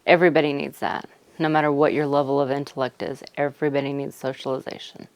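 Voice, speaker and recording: Woman, low deep voice, mother in news interview, heartfelt. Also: little pitch movement, fast, no echo.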